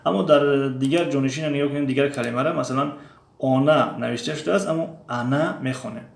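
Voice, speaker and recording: Male teacher, gravelly voice, patient drilling of words, roomy echo. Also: mid-range voice. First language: Tajik. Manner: slow, repeats drill words aloud. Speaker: language teacher. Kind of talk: explaining a lesson.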